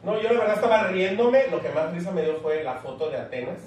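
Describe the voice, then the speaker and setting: A young Mexican man co-hosting a casual chat, telling a slangy, animated story. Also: quick pace. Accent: Mexican Spanish. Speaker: co-host. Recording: echoey room, far from mic, faint rumble.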